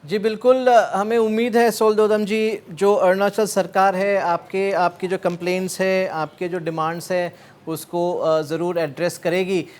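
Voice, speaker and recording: A man hosting a TV news show, interviewing a guest and wrapping up in a measured way, switching between Hindi and English. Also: high voice, flat delivery.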